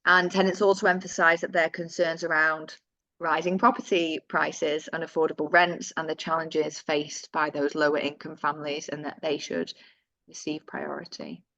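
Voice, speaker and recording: Speaking at normal speed with little pitch movement, a woman with a deep, slightly bright voice presents survey data in a webinar. Her delivery is conversational, full of asides and self-corrections. A computer mic on a video call yields dull, lo-fi audio with no echo.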